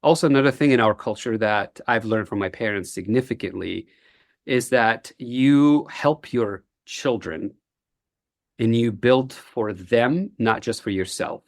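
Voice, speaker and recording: A man's voice: medium pitch, a little slow, gravelly, no echo, clean studio sound. A man from Egypt, a guest in a podcast interview, speaking earnestly and reflectively with frequent "uh" fillers. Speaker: guest, entrepreneur.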